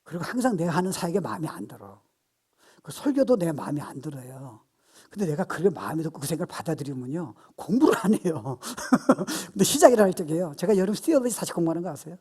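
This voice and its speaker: A man in his sixties preaching a sermon as pastor, animated and playful, acting out voices and laughing at his own jokes. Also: fairly high pitch, fast, husky.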